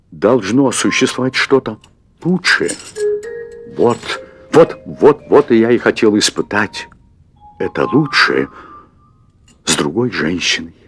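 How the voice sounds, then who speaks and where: A nervous fifty-year-old husband. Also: male voice, low voice. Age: 50s. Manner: confessional, hesitant, repeats words. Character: anxious middle-aged man, restaurant owner craving adventure. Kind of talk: stage play recorded for television. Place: theatre stage set as hotel room.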